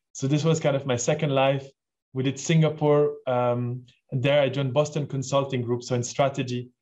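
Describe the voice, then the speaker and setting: A man's voice: medium pitch, a little mellow. Chatty man hosting a video call. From Switzerland. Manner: chatty, enthusiastic, asks the audience questions. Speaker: webinar host. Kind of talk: casual presentation on a video call. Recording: dull lo-fi video call audio.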